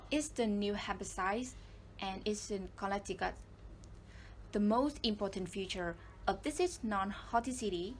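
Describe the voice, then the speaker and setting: A woman's voice: medium pitch, slight background noise. A young woman, a native Vietnamese speaker, presenting in class and counting off points as she reads her notes. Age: young adult. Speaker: student presenter.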